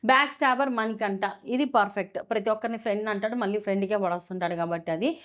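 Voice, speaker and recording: A woman's voice: medium pitch, quick pace, a bit bright. A woman giving a casual, opinionated review of a reality show, full of fillers and rhetorical questions.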